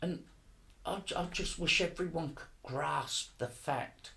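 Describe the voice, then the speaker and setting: A middle-aged man, giving an earnest personal faith testimony, halting and often repeating his words. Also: a little high, gravelly, pushed and bright. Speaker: testimony speaker.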